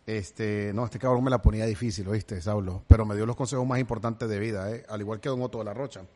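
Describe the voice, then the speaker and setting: A man's voice: on the low side, fairly even intonation, fast talker, dark tone. A man who is a comedian, teasing and recounting stories in casual conversation.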